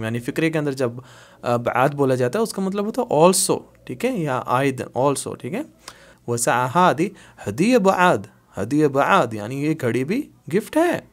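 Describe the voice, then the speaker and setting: Man drilling spoken Arabic phrases slowly. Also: medium pitch. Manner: repeats phrases slowly, drilling each word. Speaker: language teacher. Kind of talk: spoken Arabic lesson with Urdu and English glosses.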